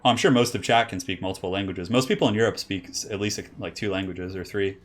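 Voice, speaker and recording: Talking fast in a low, steady voice with a fairly bright tone, a young California man commentates a strategy game match for his stream. He chats with viewers loosely, leaning heavily on "like" and frequent false starts.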